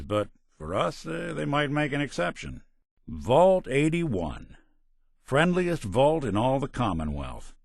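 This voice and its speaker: In this video game, an actor voices a tired, wry robot detective who has a conscience, using a dry, streetwise, hardboiled 1940s American delivery. His male voice sits on the low side, and there is no room sound.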